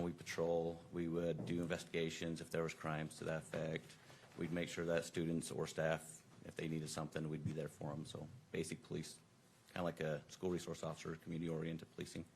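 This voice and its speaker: A middle-aged police officer testifying from the witness stand, heard through the courtroom's table microphone and giving brief, matter-of-fact answers. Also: male voice, deep voice, little pitch movement, a little fast, a little hiss or hum. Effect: courtroom recording, voice picked up by the witness-table microphone.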